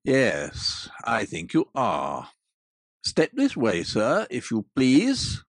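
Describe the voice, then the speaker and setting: A woman voicing a gruff old male miser turned jolly, growling and hearty. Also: very deep voice, wildly swooping pitch, very slow, no room sound, clean studio sound, voice pushed down, exaggerated voice. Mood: mock gruff.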